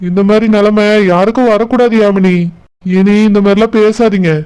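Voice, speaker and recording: A gentle, confused young man who has lost his memory, voiced by a man in a cartoon. His voice is high and smooth, with a Kanyakumari Tamil accent, and he muses softly aloud. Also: steady tone, brisk, dull audio, natural voice. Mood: pleading. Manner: soft, pleading, musing aloud. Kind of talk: cartoon voice acting.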